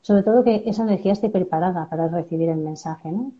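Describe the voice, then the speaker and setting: Low-voiced woman on dull remote audio. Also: fast talker. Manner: calm, explains with filler questions. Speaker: guest medium. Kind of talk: interview answers.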